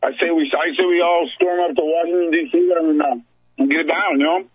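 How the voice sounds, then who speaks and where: A man's voice: on the high side, fairly even intonation, fast, breathy edge, dry recording. A man from Ohio calling into a radio show on a crackly speakerphone line that fades in and out, rambling and hesitant with many ums. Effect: crackly speakerphone line fading in and out. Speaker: caller. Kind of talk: call-in radio chat. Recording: tinny, dry phone line.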